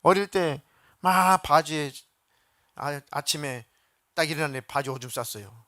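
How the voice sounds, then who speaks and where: A man preaching a Sunday sermon as a pastor, telling stories with animated delivery and acting out the voices he quotes. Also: fairly high pitch, moderate pace, no echo, studio quality. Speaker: senior pastor. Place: church sanctuary.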